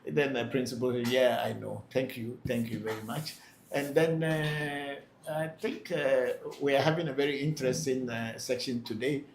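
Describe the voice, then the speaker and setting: A Vodu priest leads a live question-and-answer session in a gravelly mid-range voice at a moderate pace. He reads each question aloud and answers plainly, frequently repeating himself for emphasis, while the echoey room carries faint background noise.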